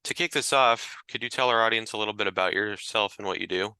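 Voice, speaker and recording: A man co-hosting an interview podcast, asking friendly questions and giving short affirmations. His voice is low but very bright and crisp, and it sounds dry and close. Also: quick pace, dry recording, poor audio. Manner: friendly, reads guest intro, short affirmations. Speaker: podcast co-host. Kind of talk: casual interview.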